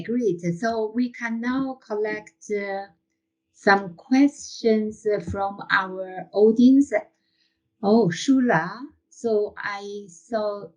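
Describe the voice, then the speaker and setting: Brief: woman chair of a seminar on a video call, slow, polite, halting delivery. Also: medium pitch, low-quality recording. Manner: hesitant, polite, many fillers. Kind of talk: moderating a seminar.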